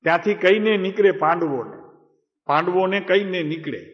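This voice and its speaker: A man delivering a spiritual discourse with a fairly high voice, talking to his listeners as in conversation and often putting questions to them. The sound carries a long hall echo and a dull, lo-fi tone. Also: moderate pace. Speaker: spiritual teacher. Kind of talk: devotional discourse to a live gathering.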